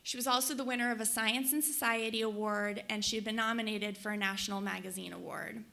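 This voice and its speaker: A woman's voice: fairly high pitch, steady tone, fast, vocal fry, bright, forceful tone. A young woman from Colorado, a book editor, giving an earnest, enthusiastic prepared speech to a conference audience. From Colorado, USA. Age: young adult. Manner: earnest, enthusiastic, reading from notes. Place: conference hall.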